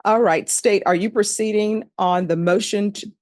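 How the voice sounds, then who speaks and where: A woman judge in a courtroom recording, formally reading case numbers and charges in a measured, procedural way. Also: medium pitch, steady tone, a little mellow, no room sound. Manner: measured, procedural, repeats formulaic questions.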